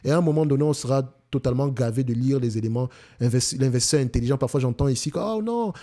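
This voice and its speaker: A man hosts an investing channel in a casual, emphatic monologue, racing along at medium pitch with a steady, warm tone. He has a Cameroonian French accent and keeps restarting and repeating himself.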